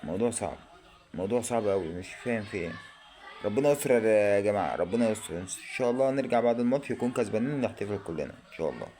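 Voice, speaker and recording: A man with an Egyptian accent giving a live reaction while watching a football match, anxious and excitable, pleading and exclaiming. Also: on the low side, rapid-fire. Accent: Egyptian Arabic. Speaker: football fan vlogger.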